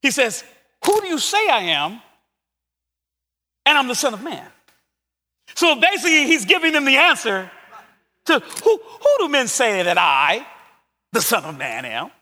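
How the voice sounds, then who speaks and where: A middle-aged man preaches with a very high, bright voice that rises and falls with lively movement. He moves between quiet asides and shouted exhortations. The sound carries a long reverb, as in a large hall. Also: unhurried, pauses often. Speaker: pastor. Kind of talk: sermon.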